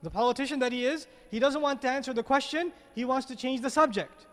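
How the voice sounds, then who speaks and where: A man's voice: very high voice, fast, fairly bright tone, long reverb tail. A man giving a Quran commentary lecture, asking the audience rhetorical questions and repeating words as he searches for them. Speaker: religious lecturer.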